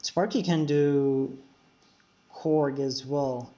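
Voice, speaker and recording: Extremely slow and mellow, with a medium pitch and steady tone, a man live-streams a mobile game. He chats casually with viewers, answers chat while playing, uses frequent fillers, and offers tips between fights. The lo-fi recording sounds dull.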